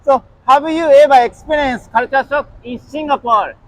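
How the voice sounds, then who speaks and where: A man's voice: extremely high pitch, normal speed, a little hiss or hum, rough recording. A man, interviewing people on the street with short, repeated questions. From Japan. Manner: short repeated questions, frequent brief acknowledgements.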